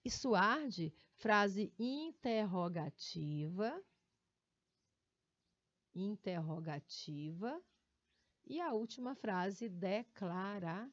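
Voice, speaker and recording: A woman with a Brazilian Portuguese accent teaches a grammar lesson step by step, checking in often with tag questions. Her mid-range voice is animated but very slow, with many pauses. The dry recording has a dull, lo-fi sound.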